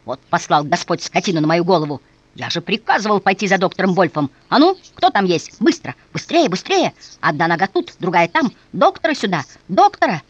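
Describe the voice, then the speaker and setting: An audiobook reader voicing a flustered, blustering elderly general who shouts in alarm and mumbles to himself. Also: mid-range voice, lively intonation, a little fast, dry recording, lo-fi sound, lightly acted. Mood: panicked shouting. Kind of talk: audiobook character reading.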